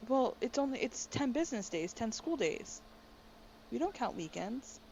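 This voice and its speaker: Woman co-host, high-ish voice, rapid excitable chatter, dull home recording with faint hiss. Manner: fast, excitable talker. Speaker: podcast co-host. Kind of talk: casual chat. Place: bedroom at home.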